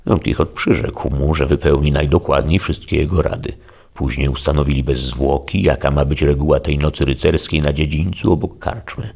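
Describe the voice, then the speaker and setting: A man reads a classic novel aloud in a measured, solemn way. His voice is extremely deep, with a gravelly, fry-laden texture. The narration is steady and scripted. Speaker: audiobook narrator.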